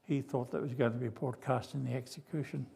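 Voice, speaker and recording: A man's voice: medium pitch, steady tone, fairly quick, creaky, mellow, breathy edge. An older man from Australia preaching a sermon, telling a story with drama, humor and acted quotes. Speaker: pastor. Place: church.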